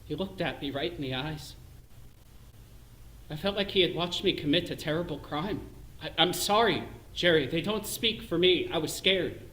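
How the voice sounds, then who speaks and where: An actor playing a bitter middle-aged clerk with a Northern Irish accent in a theatrical monologue, swinging between hushed self-loathing and shouted rage. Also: male voice, on the high side, moderate pace. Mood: uneasy. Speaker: stage actor in a one-man show. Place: performance space, live stream. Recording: roomy echo.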